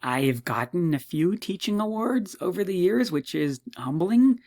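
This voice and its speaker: A man's voice: sits high, lively intonation, measured pace, darkish tone. A man in his fifties from Canada, a university lecturer giving a recorded course introduction with playful, mock-modest humor.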